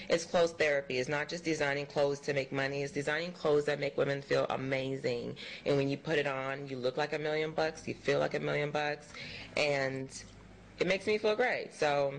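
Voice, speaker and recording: A woman from Liberia, a fashion designer, giving an emphatic, sassy pitch with playful rhetorical asides. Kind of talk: lively self-promoting pitch. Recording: roomy, distant mic, faint background noise.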